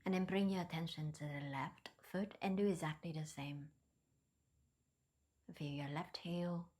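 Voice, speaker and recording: A meditation teacher guides a session in a soft, breathy near-whisper, her phrasing gentle and hesitant in the way of a non-native speaker. Her voice is low-pitched.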